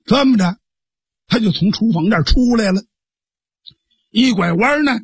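北京口音的沙嗓男评书艺人. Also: male voice, high voice, moderate pace, slightly rough, no room sound. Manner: lively, colloquial narration with asides. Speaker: storyteller. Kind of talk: traditional storytelling.

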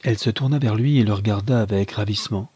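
A man reads a classic novel aloud in a measured, steady narration. His voice is low and husky, and the recording is dry and close with no room echo. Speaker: audiobook reader.

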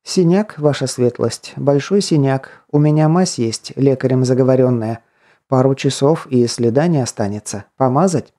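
A man's voice: medium pitch, moderate pace, dark tone, close to an everyday voice. A man voicing a timid, helpful shopkeeper woman of about thirty in an audiobook, raising his voice well above his own. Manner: timid, eager to help.

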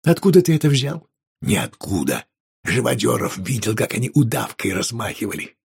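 A man reading an audiobook, voicing a calm, scheming innkeeper who speaks low and insistently with a raspy voice. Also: moderate pace, exaggerated voice. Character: calm, scheming middle-aged male innkeeper. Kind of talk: audiobook character voice.

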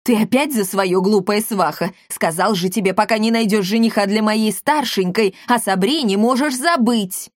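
A woman's voice: medium pitch, moderate pace, hardly any pauses, no room sound, clean studio sound, lightly acted. A woman reading aloud, voicing a grumpy, stubborn middle-aged male shopkeeper who talks in a blunt, grumbling way. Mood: indignant.

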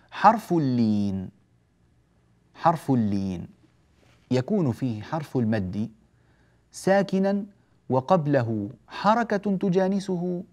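Patient Arabic tajweed teacher, mellow voice. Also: male voice, mid-range voice. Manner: measured and patient, stretching example words and checking in with listeners. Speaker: Quran recitation teacher. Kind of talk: explaining a classical tajweed poem.

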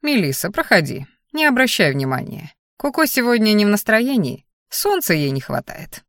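A stern grey-haired magister lecturing his students, as a woman reading an audiobook puts him on. He talks in a calm, measured way and scolds gently. The voice sits at an ordinary pitch and is recorded very dry and close. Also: dry recording.

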